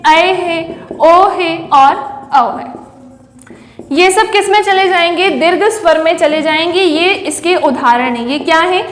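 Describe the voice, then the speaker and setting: Her tone fairly bright and her voice very high, this woman teaches Hindi as if to a classroom, posing questions to her audience only to answer them herself. Long reverb fills the large, echoing room.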